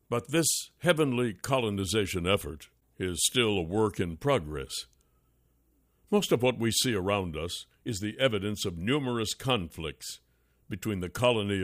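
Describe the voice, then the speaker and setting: A man narrating a nonfiction audiobook in a measured, deliberate reading style. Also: on the low side, no room sound, studio quality.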